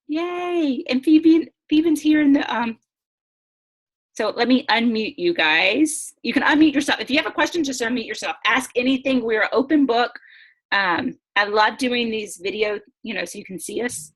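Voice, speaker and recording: A woman's voice: fairly high pitch, moderate pace, a bit bright, breathy edge. A woman hosting a casual webinar over a video call, chatty and upbeat, often laughing. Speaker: host.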